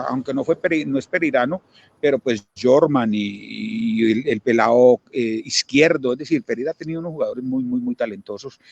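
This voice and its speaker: Gravelly Colombian man telling stories casually. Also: mid-range voice, dull audio. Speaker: guest sports commentator. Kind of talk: casual interview storytelling.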